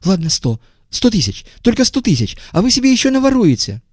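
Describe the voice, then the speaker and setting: A man performs a nervous, scheming little man in an audiobook, his voice thin, squeaky and pitched far up. He wheedles and stammers through his haggling, pushy and panicky by turns. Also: huge pitch swings, brisk, darkish tone, breathy edge, dry recording, clean studio sound, full character voice. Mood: pleading. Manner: shrieking, bargaining, stammering.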